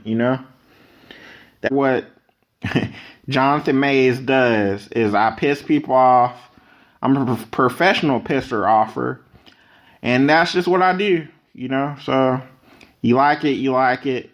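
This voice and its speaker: A man talking casually and unscripted as a solo podcast host, with rambling conversational asides. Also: medium pitch. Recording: slightly dull, lo-fi microphone audio.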